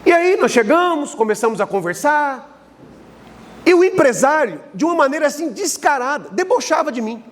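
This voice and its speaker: A man's voice: extremely high pitch, very animated, normal speed, in a large hall. A man with a Brazilian Portuguese accent, preaching a sermon in a church and telling stories dramatically as he acts out the dialogue. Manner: dramatic storytelling, acting out dialogue. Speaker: pastor. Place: church service hall.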